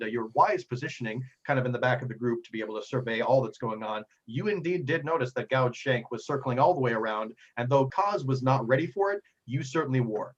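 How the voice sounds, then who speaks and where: A man narrating a tabletop role-playing game as game master, animated and excitable, with frequent ums and uhs. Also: medium pitch, highs cut off.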